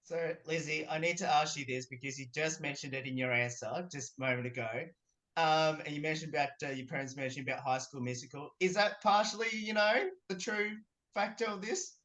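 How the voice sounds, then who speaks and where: A man's voice: a little high, brisk, pushed and bright, rough recording. Young guy hosting a sports interview on video call, asking stuff casually. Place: indoor room at home, video call.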